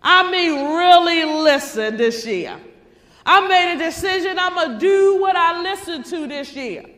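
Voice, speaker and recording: A woman from Maryland giving a fervent motivational stage speech, preachy and rising to shouts. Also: very high voice, expressive, measured pace. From Maryland, USA. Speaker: motivational speaker. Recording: hall reverb.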